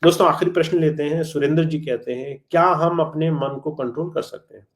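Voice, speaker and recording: A man's voice: a little high, steady tone, fairly quick. A man giving a live spiritual talk, answering listeners' questions in an earnest, friendly way and slipping in English phrases. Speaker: spiritual teacher.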